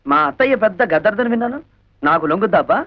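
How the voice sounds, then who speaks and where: An actor playing a brash, teasing young hero in a film comedy. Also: male voice, high voice, animated, racing, gravelly, highs cut off. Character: cocky young male hero, the nephew.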